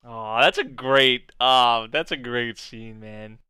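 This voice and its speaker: A young adult man giving casual live reaction commentary, thinking aloud in an informal, halting way. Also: medium pitch, bright, forceful tone, smooth, no room sound. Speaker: anime reaction video host. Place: small indoor bedroom or study.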